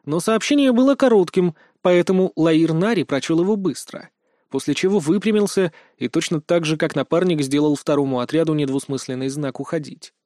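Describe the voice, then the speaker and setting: A male audiobook narrator reads a first-person fantasy story in a calm, measured, cool manner. His voice sits fairly high for a man. The close studio recording is dry. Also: no echo.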